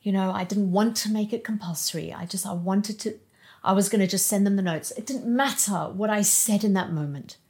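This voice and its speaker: As a podcast guest, a woman with a mid-range voice shares an emotional personal testimony. She speaks haltingly, restarts often, and drops into soft whispers at times.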